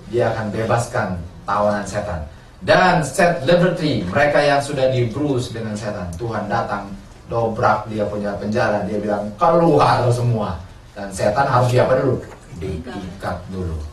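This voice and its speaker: A man with a mid-range voice preaches a sermon, posing questions to his congregation and then answering them himself. The recording is roomy and distant, with faint ambience and slight background noise.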